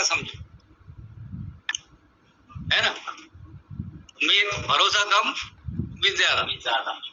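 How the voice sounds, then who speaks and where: A man's voice: sits high, pushed and bright, slight background noise. A man teaching an English grammar lesson to a class, often checking in with short questions and repeating drill phrases. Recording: dull lo-fi recording.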